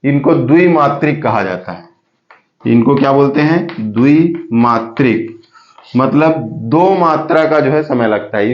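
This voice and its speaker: A man teaching a grammar lesson. He repeats each point and keeps checking with the class whether it is clear. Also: medium pitch. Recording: echoey room, dull lo-fi sound.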